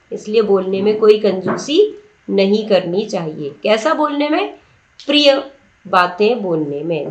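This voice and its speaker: A woman teacher speaking in an unhurried, patient way, breaking each line down word by word and asking her listeners questions. Her voice sits in a roomy, echoing space. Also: medium pitch. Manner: slow, patient word-by-word explanation with questions to students. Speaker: Sanskrit teacher. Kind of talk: explaining a textbook lesson. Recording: roomy echo.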